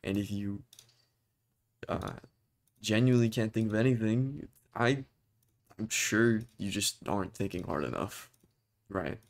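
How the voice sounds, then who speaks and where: A young man talking earnestly to his viewers in a halting, hesitant way, full of restarts and pauses as he searches for words. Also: on the low side, creaky. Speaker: vlogger. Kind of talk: personal talk to camera.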